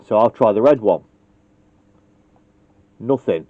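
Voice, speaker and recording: A CB radio technician casually shows how to wire a radio, thinking aloud and making jokes at his own expense. He has a fairly low, animated voice and speaks slowly. The recording is dry, dull, and lo-fi.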